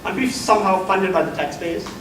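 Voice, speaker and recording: A middle-aged South African man delivers an emphatic keynote lecture in a lecture hall, calling his audience colleagues. His high-pitched voice is a bit bright and he talks fast. A distant mic gives a roomy echo with faint ambience and a little hiss or hum.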